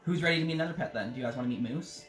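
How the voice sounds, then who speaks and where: A man's voice: medium pitch, very fast, fairly bright tone, roomy sound, faint music behind. A man hosting a children's storytime as a drag queen, chatting casually and playfully with viewers. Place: living room at home, indoors.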